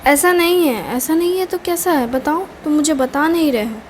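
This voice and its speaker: Storybook hero, a brooding young man who mutters his doubts aloud and turns curt with friends, voiced by a woman in a high register. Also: steady tone, a little slow, dark tone, a little hiss or hum, low-quality recording. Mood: pleading. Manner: muttering to himself, then curt and cold.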